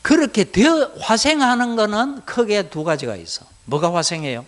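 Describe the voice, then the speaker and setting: A middle-aged man with a Gyeongsang accent giving a Buddhist lecture to lay students, keeping it animated by asking the class rhetorical questions. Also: high-pitched, normal speed. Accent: Gyeongsang Korean.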